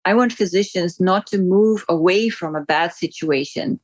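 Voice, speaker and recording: As a physician guest on an interview, a middle-aged woman from the Netherlands whose first language is Dutch gives articulate, measured answers. Her voice is on the lower side, with no echo in the recording.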